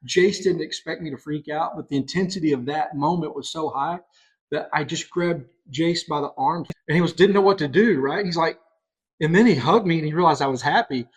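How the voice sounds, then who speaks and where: A middle-aged man in casual conversation, recounting a hunt with growing excitement. His voice sits a little high for a man. He speaks as an animated, excitable storyteller. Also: brisk. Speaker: podcast host.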